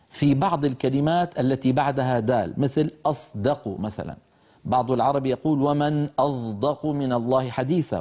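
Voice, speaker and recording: An older man gives a lecture on pronunciation with a mellow, warm tone. He explains patiently and slows down to sound out each letter aloud. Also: medium pitch. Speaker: teacher of Quran recitation.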